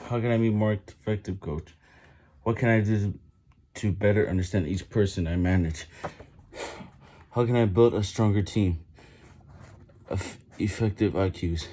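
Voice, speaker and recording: A man with a fairly low, soft-edged voice reads aloud from a book while doing push-ups. His delivery is very slow and halting, broken into short bursts. He often stumbles on a word and starts it again. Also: slight background noise. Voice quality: halting, broken phrasing with stumbles over words. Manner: reading while doing push-ups, with effortful stops and restarts. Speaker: reader, reading a book aloud.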